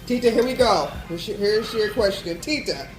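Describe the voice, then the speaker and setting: A woman's voice: medium pitch, moderate pace. A woman casually hosting a game, putting questions to contestants. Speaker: host quizzing contestants. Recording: echoey room with music behind.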